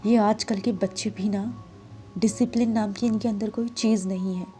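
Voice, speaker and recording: A woman voicing a strict older male vice principal who scolds students in fast bursts. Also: mid-range voice, steady tone, dark tone, faint music behind, natural voice. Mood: scolding.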